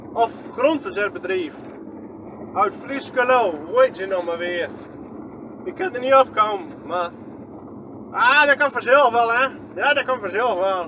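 A high-pitched man with a Groningen accent films himself on a handheld phone in a moving vehicle, giving rambling, chatty commentary and asking himself questions. The vlogger's casual running talk comes through over a noisy background.

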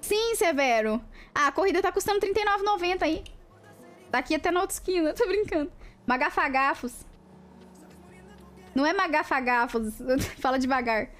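A high-pitched Brazilian woman streamer in a loose, playful live chat. She greets viewers by name and giggles whenever her tongue trips over a twister. Soft music plays faintly behind her. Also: expressive, moderate pace, long pauses. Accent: Brazilian Portuguese.

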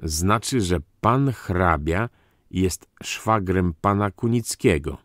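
A cautious man picks his words slowly and haltingly, voiced by an audiobook reader. The voice sits low and unhurried, recorded close and dry. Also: expressive, dry recording. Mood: hesitant. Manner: hesitant, careful, faltering. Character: cautious, uncertain middle-aged man. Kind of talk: audiobook character voice.

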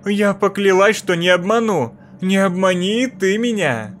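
Guy doing a creepy mirror ghost lady, high and slow, loud and nasty. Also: expressive, a little hiss or hum. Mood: cold. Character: sinister female spirit in a mirror.

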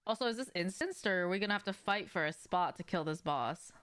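A young adult woman talks briskly and with animation while gaming live, her low-leaning voice smooth and fairly bright. The chat with her viewers is casual, slangy, and sprinkled with swearing, set indoors in a small room at home with shelves.

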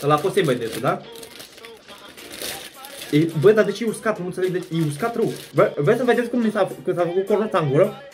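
A young man vlogs a food taste test from home, his voice pitched high as he jokes, exaggerates and talks straight to viewers. Soft music plays faintly underneath. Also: lively intonation, long pauses. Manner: joking, exaggerated, slangy, addresses viewers directly. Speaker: vlogger. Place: at home indoors.

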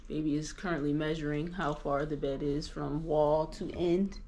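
A woman vlogging in casual chat, loud and profane, laughing often. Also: deep voice, steady tone, moderate pace, a little hiss or hum. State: out of breath.

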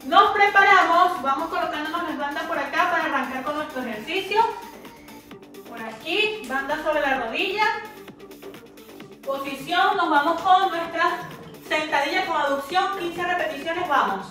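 A woman's voice: very high-pitched, normal speed, bright, forceful tone. A woman working as a fitness instructor, giving exercise cues and counting repetitions aloud with short, encouraging commands. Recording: echoey room, far from mic, music behind. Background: music.

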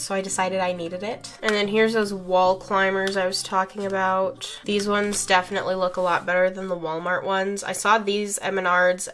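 A young woman talks through a casual haul video, her voice thick and congested from a cold. She rambles a little, tossing in plenty of fillers as she shows each item. A faint music bed plays quietly behind her. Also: mid-range voice. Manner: chatty, filler-heavy. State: congested, sick. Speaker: vlogger.

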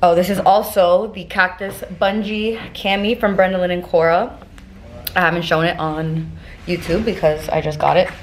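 Young woman with a lisping, whistled s. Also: on the low side. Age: young adult. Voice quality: lisp with whistling s sounds. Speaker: vlogger. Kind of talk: casual chatty vlog. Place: rooms inside a house. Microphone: camera mic at about arm's length. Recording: echoey room with clear background noise.

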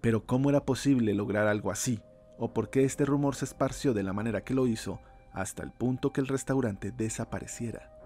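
A man narrates a scripted horror story slowly and ominously, in a dark tone, letting his voice drop low on the grim lines.

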